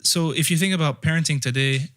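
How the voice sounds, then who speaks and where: A man's voice: fairly high pitch, fast, fairly bright tone, no echo. Young man explaining, dry studio sound. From France. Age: young adult. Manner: thoughtful, restarts phrases while explaining. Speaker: podcast co-host. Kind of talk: casual discussion.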